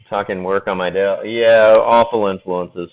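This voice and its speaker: A man painting during a live stream, chatting casually, laughing often and swearing freely as he answers viewers. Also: fairly low pitch. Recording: tinny phone-like audio with faint music.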